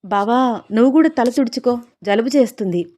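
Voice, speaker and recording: A bashful young wife in a storybook romance, speaking a little higher and brighter than the narration, shy and pleading. A woman puts her on, close to her own voice. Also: a little fast, close to an everyday voice. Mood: caring.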